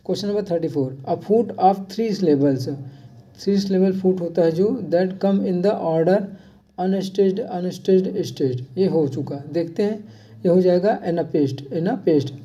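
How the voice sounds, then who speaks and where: A teacher leading an exam-prep lesson, reading each question slowly and repeating key terms. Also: mid-range voice, dark tone, far from the mic. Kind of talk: exam-prep lesson, mixing Hindi and English. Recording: dull lo-fi sound from off-mic.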